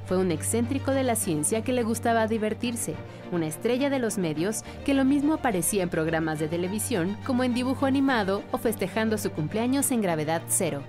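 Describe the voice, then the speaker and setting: A woman's voice: a little high, expressive, brisk, few pauses. A woman reading scripted documentary narration as the narrator. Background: music.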